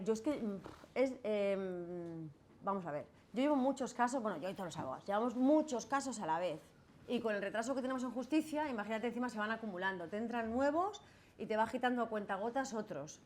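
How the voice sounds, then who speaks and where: A woman's voice: mid-range voice, a little mellow, a little hiss or hum. A woman lawyer with a Spanish accent, giving a casual lecture to students and often checking in with "right?". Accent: Spanish from Spain. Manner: chatty, asks "¿vale?" and "¿no?" often, acts out quoted voices. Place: classroom.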